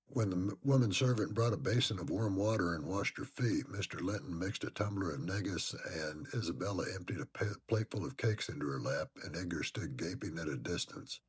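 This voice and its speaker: A man giving an expressive first-person dramatic reading of a classic novel. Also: low-pitched, husky. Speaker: audiobook reader.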